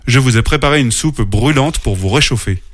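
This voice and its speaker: A man's voice: mid-range voice, a little fast, dry recording, clean studio sound, lightly acted. A man reading a storybook and voicing a stern but loving father bear who scolds and comforts. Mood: warm. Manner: scolding yet kindly. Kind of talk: storybook narration.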